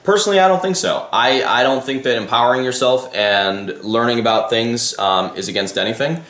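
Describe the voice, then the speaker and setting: This vlogger and life coach talks fairly quickly in a mid-range, fairly bright voice, and the recording is reverberant. His casual musings to camera wander, and he keeps losing track, restarting, and dropping the odd casual curse.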